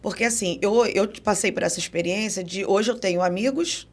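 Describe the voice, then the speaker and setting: A woman in her forties from Brazil, a podcast guest telling her story in a casual, animated interview. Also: medium pitch, a little fast. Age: 40s. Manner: animated, acts out remembered dialogue. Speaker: podcast guest, psychoanalysis educator.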